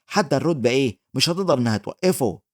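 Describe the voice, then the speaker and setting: A man reading as a gruff adventurer in danger. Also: medium pitch, animated, very fast, close to an everyday voice. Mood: alarmed. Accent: Egyptian Arabic. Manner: urgent, shouting lines. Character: brave, gruff male adventurer.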